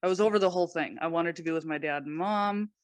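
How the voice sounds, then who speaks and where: Halting, soft-spoken woman guest. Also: fairly low pitch, no room sound. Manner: halting, soft-spoken, many pauses and restarts. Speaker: podcast guest. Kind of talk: personal testimony in conversation.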